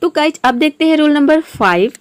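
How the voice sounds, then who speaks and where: A woman's voice: high-pitched, animated, brisk. A woman teaching English pronunciation over slides, patiently repeating each word and giving its meaning.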